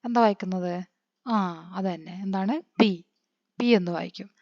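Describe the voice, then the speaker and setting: A woman, teaching a patient lesson and spelling letters out slowly, quizzing her pupils as she goes. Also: mid-range voice, darkish tone, no room sound. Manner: patient, asks the children questions and answers them. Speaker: Hindi teacher. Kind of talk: classroom-style lesson. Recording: dry, dull lo-fi recording.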